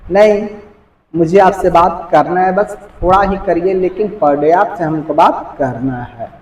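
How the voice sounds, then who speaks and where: A man voicing a stubborn young man who softly coaxes someone on the phone, quoted in a story. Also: high-pitched, measured pace, roomy sound, slight background noise, poor audio. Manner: soft, coaxing.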